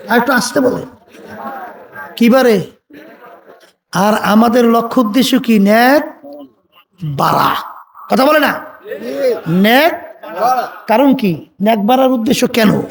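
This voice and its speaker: A man preaching an open-air sermon, telling a story and calling out questions for the crowd to answer, with chanted verses. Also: sits high. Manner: chants Quranic Arabic verses. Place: outdoor religious gathering on a field. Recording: echoey public address from a distance.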